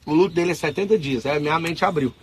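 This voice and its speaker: A Brazilian man speaks to a gathered audience about faith. His voice sits high for a man, and he talks quickly with lively, slangy storytelling. A faint hiss of noise runs underneath. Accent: Brazilian Portuguese. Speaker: spiritual speaker. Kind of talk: casual spiritual talk to an audience.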